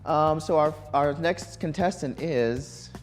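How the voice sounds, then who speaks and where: A game show host runs a live student quiz in a college broadcast studio, chatting loosely with lots of ums and restarts. His voice is a little high and his delivery slow, with faint music in the background.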